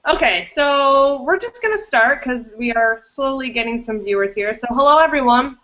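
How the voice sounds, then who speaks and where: A woman's voice: sits high, expressive, normal speed, sharp tone. A woman hosting a live podcast over a video call, giving upbeat, chatty introductions of her guests. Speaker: podcast host and director. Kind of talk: casual live-stream chat. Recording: dull lo-fi call audio.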